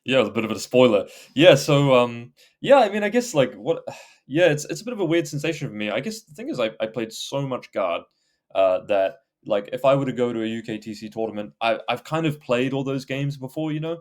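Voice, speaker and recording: A man's voice: mid-range voice, very animated, a little fast. A man co-hosting a gaming podcast, talking casually with many fillers and restarts and laughing easily. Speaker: podcast co-host.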